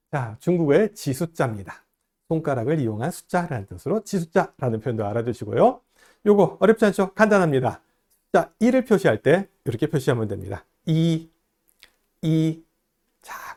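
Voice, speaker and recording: A man teaches a video lesson in a fairly high voice with a lively, rising and falling pitch. He explains each point step by step and keeps asking the viewer questions. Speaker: lecturer. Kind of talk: video lecture.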